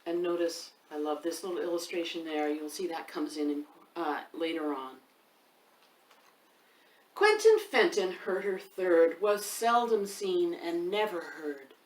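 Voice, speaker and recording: In a roomy space beside an indoor fireplace, a woman who writes children's books and hosts storytime chats with young listeners and reads them a picture book expressively. Her voice is fairly low and animated, and she takes her time, speaking right to the kids. A distant mic catches the spacious sound and a little background noise.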